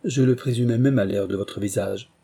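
A man's voice: medium pitch, fairly quick, gravelly, dark tone, husky. A man voicing a shy, devoted young admirer in a read novel. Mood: earnest.

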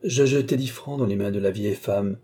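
A man narrates a classic story in a measured, literary audiobook reading. His voice is dark and mellow, with a husky grain. He voices the dialogue only lightly. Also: on the low side.

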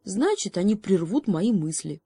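A woman voicing a calm, stubborn male beaver in a storybook, speaking unhurriedly. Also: medium pitch, normal speed, breathy edge, no room sound, studio quality, heavily acted.

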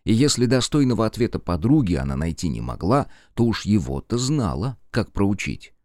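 Expressive male audiobook narrator, low and mellow. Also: moderate pace, no room sound, clean studio sound. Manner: expressive storytelling.

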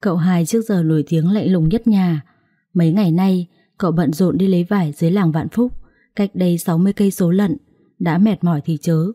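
Story narrator: a woman reading in a low, very mellow, close and dry voice. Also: fairly quick, no echo.

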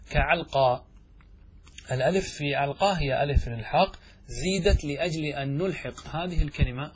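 A middle-aged man lectures on grammar in a slightly high voice. He walks through each rule step by step, pauses to ask his listeners checking questions, and often restarts a word. A faint hiss and some clicks sit under the recording. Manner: explains step by step, asks the class checking questions, restarts words. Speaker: sheikh teaching Arabic grammar. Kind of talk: classroom lecture.

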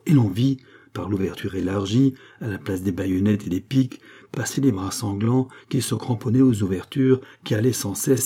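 A man reading a classic novel aloud as an audiobook narrator, steady and measured. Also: on the low side, breathy edge. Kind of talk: scripted narration.

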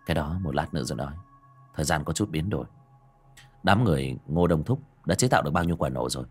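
A man voicing a brash, capable young male exorcist in an audiobook, with brisk, terse delivery. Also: extremely low pitch, animated, husky, soft background music, voice pushed down, heavily acted. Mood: businesslike. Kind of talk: audiobook character acting.

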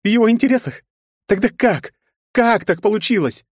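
A man reading an audiobook, voicing a distraught, fiery woman who pleads and accuses in a shrill voice. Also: expressive, normal speed, darkish tone, husky, no echo, studio quality. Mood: angry. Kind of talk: audiobook character voice.

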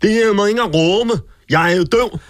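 A man's voice: high voice, fairly bright tone, no room sound, clean studio sound. A man playing a deaf young woman who speaks in an exaggerated, slurred way. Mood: indignant. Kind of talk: sketch comedy.

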